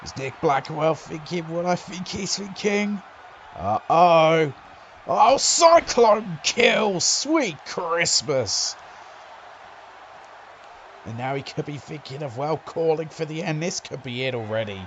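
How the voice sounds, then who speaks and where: A man doing excitable play-by-play wrestling commentary, breaking into loud exclamations. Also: a little high, normal speed, few pauses, highs cut off, a little hiss or hum.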